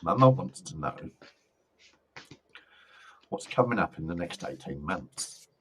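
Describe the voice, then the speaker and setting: A man doing live psychic card readings in a gentle, reassuring and jokey way. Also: sits low, sing-song, measured pace, a little hiss or hum. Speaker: psychic reader.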